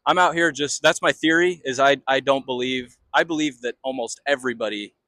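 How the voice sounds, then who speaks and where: A man's voice: mid-range voice, sharp tone. Casting: American male street interviewer, mid-range voice, unscripted and rambling, very little echo. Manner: rambling, halting, repeats phrases. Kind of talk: casual, unscripted street talk.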